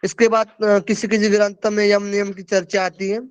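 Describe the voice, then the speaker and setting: A man's voice: high voice, little pitch movement, moderate pace, clear, resonant tone, dry recording, dull audio. A man teaching a yoga class over a video call. He explains each verse and keeps checking in with his listeners. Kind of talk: online class lecture.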